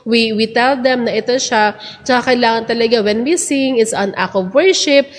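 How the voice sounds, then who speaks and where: A woman's voice: a little high, normal speed, big-room sound. A woman hosting a casual religious talk, chatty and earnest, switching between Tagalog and English. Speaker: church program host.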